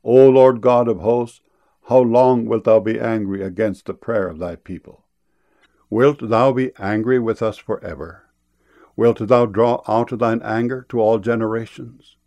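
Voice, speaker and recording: A man reading verses of scripture aloud in a measured, solemn way. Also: medium pitch, a little mellow.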